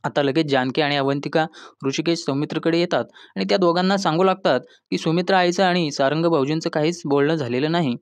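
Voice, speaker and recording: Male recap narrator, voice on the high side, dry close sound, retelling scenes and reading out dialogue. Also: fairly quick, no echo. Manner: retells scenes, reading characters' lines in quotes; addresses listeners as friends. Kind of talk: scripted episode recap narration.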